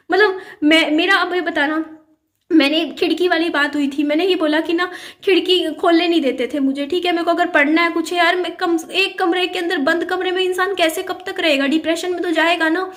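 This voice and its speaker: A woman's voice: very high voice, fairly bright tone. A young woman vlogger earnestly recounting personal events to her viewers, with many fillers and repeated phrases. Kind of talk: personal storytelling to camera.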